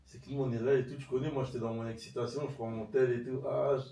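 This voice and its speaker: A young man, chatting excitably as co-host of a storytelling vlog. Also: mid-range voice, fast talker. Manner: slangy, excitable. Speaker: partner co-hosting the vlog. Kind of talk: casual storytelling chat. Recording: echoey room, off-mic.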